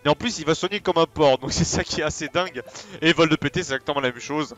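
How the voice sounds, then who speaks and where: Excitable male gaming commentator. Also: fairly high pitch, quick pace, soft background music. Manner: rambling, excited, with many fillers and slang. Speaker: let's play host. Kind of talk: casual game commentary.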